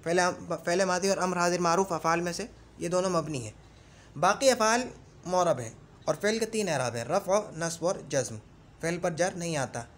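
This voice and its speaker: A man with a fairly high voice teaches grammar, patiently repeating lists of rules and pausing to check that the point has landed. A faint hiss sits under the recording. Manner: recites rule lists slowly and repeats them; explains patiently with frequent check-ins. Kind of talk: classroom grammar lesson.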